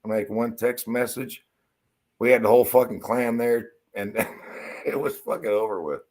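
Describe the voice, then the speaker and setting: Profane, excitable male storyteller. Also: mid-range voice, normal speed. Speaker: co-host. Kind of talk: casual live-stream chat.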